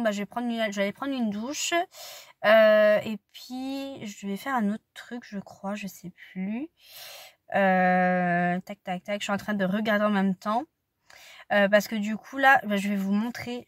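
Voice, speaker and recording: A woman's voice: mid-range voice, no room sound. Chatty young woman vlogging. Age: 20s. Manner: chatty, rambling, apologetic asides. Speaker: student vlogger. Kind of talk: casual vlog chat to camera.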